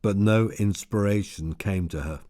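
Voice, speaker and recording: A man reading an audiobook in a measured, steady storytelling manner. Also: on the low side. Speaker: audiobook narrator. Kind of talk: scripted narration.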